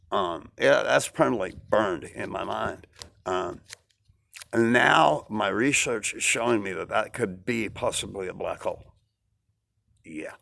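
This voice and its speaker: A man's voice: lowish voice, creaky, a bit bright. A man talking in a rambling casual monologue, repeating himself and asking rhetorical questions. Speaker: vlogger.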